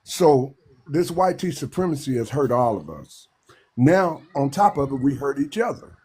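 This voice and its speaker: A Texan man on a live panel presses his point with emphasis, repeating himself and restarting haltingly. His mid-range voice has a sing-song lilt, a slightly mellow quality, and a breathy edge.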